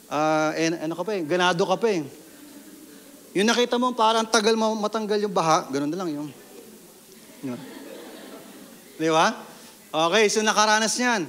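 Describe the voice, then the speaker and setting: Male pastor from the Philippines, fairly high voice, preaching a story and asking the congregation questions. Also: a bit bright, long reverb tail. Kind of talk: sermon testimony.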